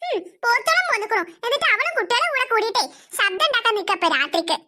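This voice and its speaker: A woman voicing a fed-up cartoon mother, nagging the children in a sharp-tongued way. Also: extremely high pitch, expressive, fast talker, heavily acted. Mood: scolding. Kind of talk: cartoon voice acting.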